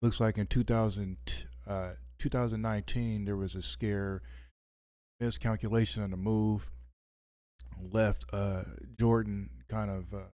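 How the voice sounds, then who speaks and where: Low dry-voiced male podcast host. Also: steady tone, unhurried, dark tone, no room sound. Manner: radio-host delivery, casual with fillers. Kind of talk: late-night wrestling podcast talk. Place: home at midnight.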